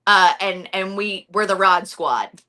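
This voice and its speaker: A woman in a casual interview chat, telling stories in an animated way and acting out quotes. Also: mid-range voice, unhurried. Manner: animated storyteller, acts out quotes. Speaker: wrestling announcer, interview guest.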